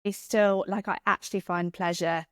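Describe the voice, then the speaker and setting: A woman's voice: on the low side, steady tone, normal speed, no room sound, clean studio sound. A woman in her thirties hosting a podcast, speaking casually with many "like" fillers. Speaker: podcast host. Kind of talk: casual chat.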